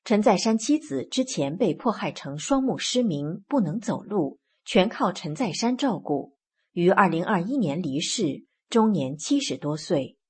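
A woman reading scripted news reports in a steady, formal manner. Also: on the low side, measured pace, slightly rough. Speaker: news reader.

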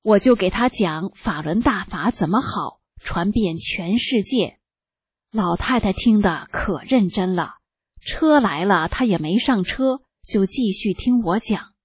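Slow, husky older woman reading a testimony. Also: mid-range voice, lively intonation, no room sound. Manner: slow, earnest storytelling. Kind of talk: read-aloud first-person testimony.

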